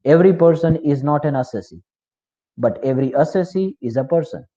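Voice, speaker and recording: Indian guy teaching tax law online, kinda high but mellow voice, slightly muffled mic. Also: animated, brisk. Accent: Indian English. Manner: explanatory, repeats key terms, asks the class questions. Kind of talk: online class lecture. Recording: slightly dull, lo-fi.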